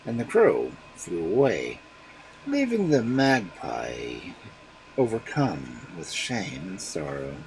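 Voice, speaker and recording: A male storyteller reads fairy tales aloud on a livestream. His telling is dramatic and expressive, and his pitch rises and falls widely. A faint hiss sits behind him. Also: takes it slowly, rough recording. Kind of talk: fairy-tale reading on a livestream.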